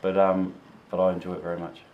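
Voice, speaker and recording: A male teacher gives short, dry answers at an easy pace. His voice sits a bit low. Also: monotone, fast, narrow, tinny audio, a little hiss or hum. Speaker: English teacher and boarding-house master. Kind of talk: casual interview.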